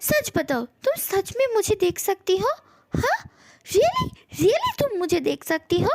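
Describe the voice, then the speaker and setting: A woman's voice: very high-pitched, a little slow, gravelly, no echo, exaggerated voice. A woman voicing a handsome young male ghost who threatens a newcomer to leave his room, in a fan audio story. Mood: bossy. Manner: bossy, threatening.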